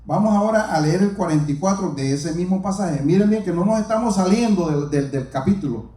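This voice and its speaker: His voice sits high with a dark tone, and he talks fairly quickly. Earnest and repetitive, he preaches straight to the congregation, captured by a far-off mic in an echoing room.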